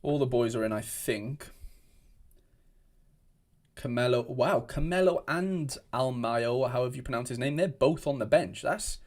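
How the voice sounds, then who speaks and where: Chatting on a livestream at his home desk, this young man from Wales rambles and often restarts while he answers viewer comments. He has a mid-range, darkish voice and keeps a measured pace.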